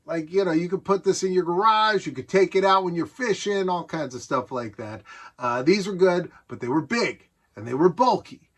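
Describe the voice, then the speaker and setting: Showing off a collection of vintage electronics, a middle-aged man with an American accent keeps things casual and nostalgic, conversational and enthusiastic, tossing in asides that amuse himself. His voice is fairly bright and on the high side.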